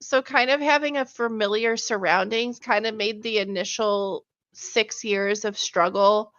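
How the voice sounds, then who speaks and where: A woman in her thirties, a stream host, chats casually and rambles through her stories, laughing often. Her mid-range voice is fairly bright, with fairly even intonation and an unhurried pace. The recording sounds muffled and lo-fi.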